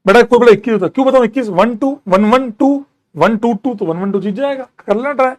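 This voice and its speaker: A man's voice: very high-pitched, fast talker. A man teaching a live chemistry class, mixing English into his talk, counting atom numbers aloud and teasing and scolding students while he reads out and answers their questions. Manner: Hindi-English mix, scolds students jokingly.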